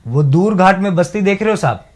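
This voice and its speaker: A man playing an orphaned villager, wistful, pleading, respectful to his master, slightly high voice. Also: expressive, a little fast, noisy background. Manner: wistful and pleading, keeps addressing "sahib". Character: orphaned village man telling his sahib of his lost childhood. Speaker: actor in a monologue contest. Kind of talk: stage monologue.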